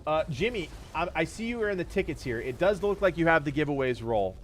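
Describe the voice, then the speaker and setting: His voice fairly high and increasingly hoarse and congested, a thirty-year-old streamer talks fast with big pitch swings, thanking donors in a rambling, appreciative way and laughing a lot. A faint hiss or hum sits under the audio.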